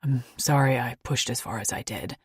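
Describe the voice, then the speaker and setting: A woman's voice: extremely low pitch, normal speed, breathy edge, dry recording, clean studio sound, pitched below the performer's own voice, full character voice. Blunt alien warrior man, read by a woman. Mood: gruff, protective. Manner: clipped, formal speech without contractions. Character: stern, blunt male alien warrior, tall.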